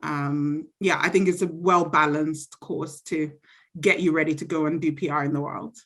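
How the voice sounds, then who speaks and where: Low-voiced woman from Zambia, chatty. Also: fairly even intonation, moderate pace, a bit bright. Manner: chatty, self-assured, reflective. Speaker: interviewee, university graduate. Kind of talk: casual interview answers.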